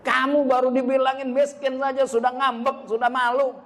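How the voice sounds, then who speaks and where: A man's voice: very high-pitched, little pitch movement, normal speed, a bit bright, voice pushed up. A man mimicking a harsh scolding mother.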